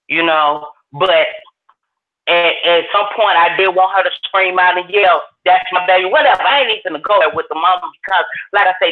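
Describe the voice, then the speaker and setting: Opinionated caller on a tinny phone line. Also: female voice, lowish voice. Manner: talkative, opinionated, drawling. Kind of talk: casual chat.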